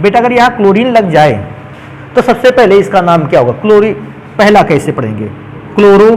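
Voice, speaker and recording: High-pitched male chemistry teacher, quizzing his class and answering himself, over faint background noise. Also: rough recording. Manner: asks questions and answers them himself. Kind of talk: classroom lecture.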